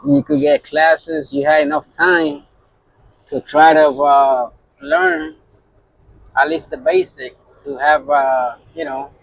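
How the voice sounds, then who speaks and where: A Puerto Rican truck driver talks casually to his phone in a vlog-style chat to camera, rambling with plenty of fillers and restarts. His voice is fairly high and gravelly, and the low-quality recording carries a little hiss or hum.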